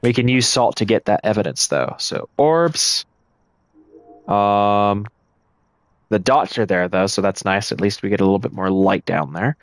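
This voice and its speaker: A man's voice: lowish voice, animated, measured pace, no room sound. A man streaming a ghost-hunting game live, casually thinking aloud and explaining his moves to the chat. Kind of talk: live gameplay commentary.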